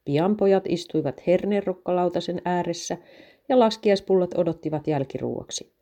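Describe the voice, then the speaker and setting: A woman's voice: lowish voice, warm tone. A woman reading a children's story aloud, raising her voice for the children's lines. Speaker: narrator.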